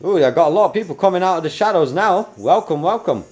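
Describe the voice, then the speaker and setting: His voice is high, expressive, fast and a little mellow as he chats upbeat with viewers during a casual livestream at his home desk. The host is a Belgian man with a mix of UK, New Zealand and American accents, working through his stream tired from a night without sleep.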